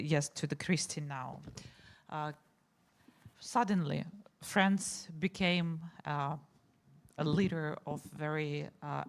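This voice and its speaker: A woman moderating a conference panel, speaking haltingly with many filler sounds as she frames her questions. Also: low-pitched, gravelly, a little hiss or hum.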